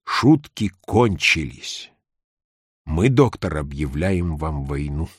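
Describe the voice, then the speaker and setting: A man's voice: very deep voice, lively intonation, takes it slowly, husky, no echo, studio quality, pitched below the performer's own voice, full character voice. A man voicing a cold, threatening armed mayor who gives clipped commands. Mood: menacing.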